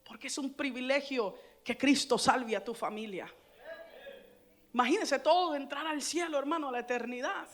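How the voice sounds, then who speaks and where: A woman pastor from El Salvador preaching a sermon with fervor, repeating phrases and building to loud exclamations. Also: sits high, moderate pace.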